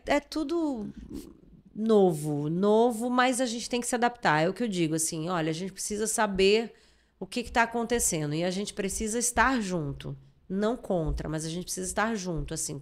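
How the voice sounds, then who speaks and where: A woman journalist with a Brazilian Portuguese accent, explaining her views in a casual interview and often checking in with the listener. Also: medium pitch. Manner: explanatory, lots of filler tags and restarts. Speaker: journalist guest.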